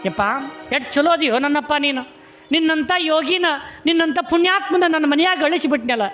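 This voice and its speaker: Man doing a poor village wife, North Karnataka Kannada accent, tearful pleading, very high, bright and piercing. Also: brisk, faint music behind. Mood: grateful, tearful. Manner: tearful, pleading, rising wails.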